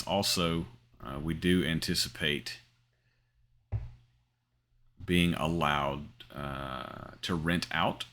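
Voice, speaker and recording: Middle-aged guy rambling through a game demo, low voice but bright and forceful. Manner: rambling, many fillers and restarts. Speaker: crypto gaming channel host. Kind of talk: casual screen-share commentary.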